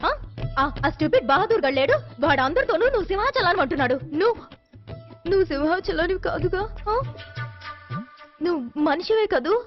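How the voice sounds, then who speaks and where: A woman dubbing a headstrong, excitable young woman in a film, talking emphatically and insistently. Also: very high-pitched, fairly quick, pauses often. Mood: defiant. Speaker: dubbing actress. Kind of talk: Telugu film dub. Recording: dull film soundtrack with music.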